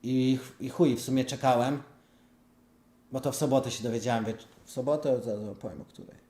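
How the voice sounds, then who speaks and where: A man with a missing front tooth, talking casually to viewers in a blunt, halting, sweary way. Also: medium pitch, fairly even intonation, dark tone. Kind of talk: casual vlog talk to viewers. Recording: echoey room.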